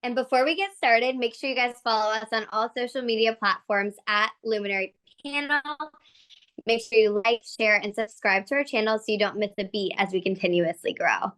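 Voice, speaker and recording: A woman's voice: fairly high pitch, a little fast, a bit bright. A woman co-hosting an interview podcast, friendly and chatty as she asks questions. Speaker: podcast co-host.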